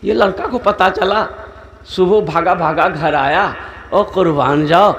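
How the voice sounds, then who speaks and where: A male preacher telling humorous stories in a sermon, acting out the villagers' dialogue in lively voices. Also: high-pitched, measured pace, roomy sound, slight background noise. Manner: animated, acts out villagers in dialogue.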